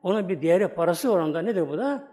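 A man with a high voice preaches a sermon. He is middle-aged and talks to his congregation through stories and rhetorical questions. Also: expressive, very fast, mellow.

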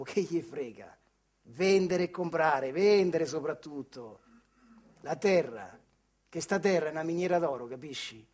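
Here the same kind of radio theatre role appears: a male actor, voice a little high, voicing an embittered elderly ex-factory worker in rough Marche dialect. His delivery shifts from quiet to loud, and his mood is scornful.

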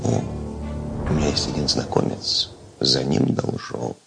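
An actor playing a businesslike, authoritative police investigator in a crime drama, terse and questioning. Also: male voice, extremely low pitch, big pitch swings, measured pace, vocal fry, music in the background, exaggerated voice. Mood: businesslike, pensive. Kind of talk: screen crime drama acting.

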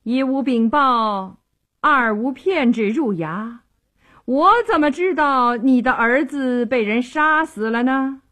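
A woman voicing an upright young male county magistrate who speaks in a calm, wry, deliberate way, in a traditional storytelling broadcast. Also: high-pitched, pitched above the performer's own voice, full character voice.

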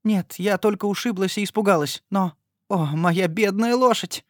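In a clean, dry studio recording, a man voices a frightened young noblewoman who tearfully, imploringly pleads, sounding distraught. He speaks at a normal speed in a slightly high voice, pitched above his own but still close to an everyday voice.

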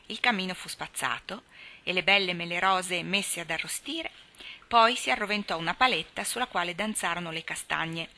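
A woman reading a classic novel aloud in a measured, expressive storytelling manner. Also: lowish voice. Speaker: reader.

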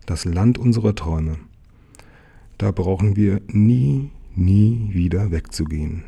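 A man's voice: low voice, animated, unhurried, gravelly, warm tone, husky, full character voice. Man doing a dreamy little storybook tiger. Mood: content.

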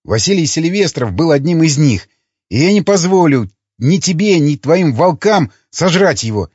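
A man's voice: a little high, big pitch swings, normal speed, a little mellow, breathy edge, dry recording. A man voicing a young, grieving male survivor who talks in a raised, defiant way. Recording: dull lo-fi dry recording.

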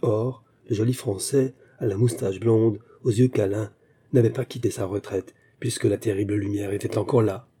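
A man reading a short story aloud in a slow, measured narration. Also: on the low side, fairly even intonation, mellow, husky. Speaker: audiobook narrator.

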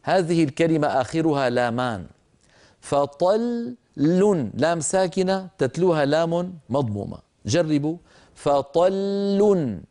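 An older man teaching Quran recitation, patiently explaining and slowly stretching out words to show how they are pronounced. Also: on the high side, animated, darkish tone. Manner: stretches and repeats words slowly to demonstrate pronunciation; explains patiently, addresses listeners directly.

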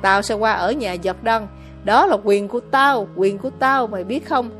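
A woman voicing a greedy, hot-tempered older village mother who scolds loudly and harshly in a storybook reading. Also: medium pitch, moderate pace, soft background music, lightly acted. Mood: gloating.

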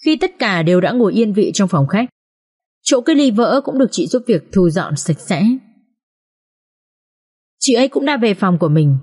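A woman narrating a family drama audiobook in an expressive, emotional reading. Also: mid-range voice, moderate pace, pauses often, breathy edge.

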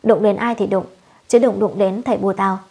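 Female reader as a blustering young husband; fast, husky, storybook voice. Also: medium pitch, fairly even intonation, a little mellow. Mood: defensive.

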